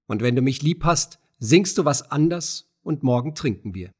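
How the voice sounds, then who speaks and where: A man's voice: medium pitch, lively intonation, moderate pace, darkish tone, husky. A man voicing a timid, anxious gatekeeper who pleads in hasty, sighing bursts, in an audiobook reading. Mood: pleading.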